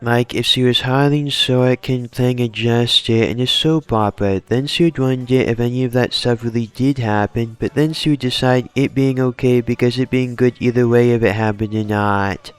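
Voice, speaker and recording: A man rambles through fan story ideas in long run-on sentences, stacking one hypothetical on the next. His voice is smooth and clear at a mid pitch. He sounds close and dry, with faint music underneath. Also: steady tone, normal speed, hardly any pauses, dry recording.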